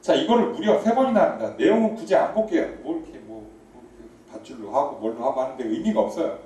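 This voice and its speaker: Lively preaching man in an echoey church. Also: fairly high pitch, quick pace, a little hiss or hum. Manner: animated, conversational preaching with questions to the congregation. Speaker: pastor. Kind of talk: sermon. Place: church sanctuary. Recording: echoey church hall, voice from far off.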